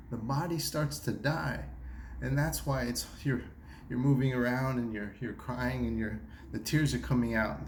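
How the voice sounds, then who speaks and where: A man's voice: medium pitch, echoey room, slight background noise. A man giving earnest self-help advice to the camera, repeating himself and restarting phrases as he coaches viewers through pain. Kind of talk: earnest motivational talk to camera. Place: seated at a table.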